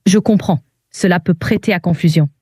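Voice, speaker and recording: A synthetic woman's voice of a virtual assistant that speaks calmly and politely in an improvised role-play. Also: on the low side, fairly quick, breathy edge, no room sound, clean studio sound. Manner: calm, polite, even.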